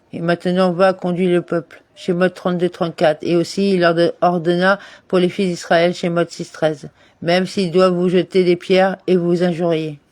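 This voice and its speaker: Guy with a highish voice reading a study text out loud, steady, fixes his slips, dry close sound. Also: dry recording. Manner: reads steadily, with occasional restarts and self-corrections. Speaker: Torah study reader. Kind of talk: reading a commentary text aloud.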